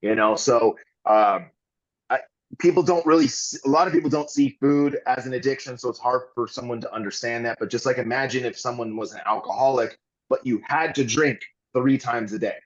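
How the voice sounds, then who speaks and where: A man's voice: mid-range voice, fairly quick, muffled recording. A man guesting on a podcast, talking candidly and earnestly in long rambling runs with frequent restarts.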